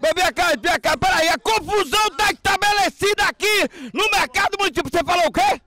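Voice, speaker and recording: A man, reporting loudly outdoors at a market site on a handheld mic, excitable and shouting. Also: very high-pitched, fairly quick. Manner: excitable, shouting, preacher-like exclamations. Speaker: street reporter and host. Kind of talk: loud street reporting.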